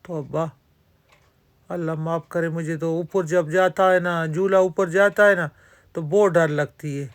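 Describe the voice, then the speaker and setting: A woman's voice: on the low side, fairly even intonation. A woman narrating a casual vlog from an outdoor amusement park. She talks straight to her viewers and fills her talk with religious phrases. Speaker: vlogger.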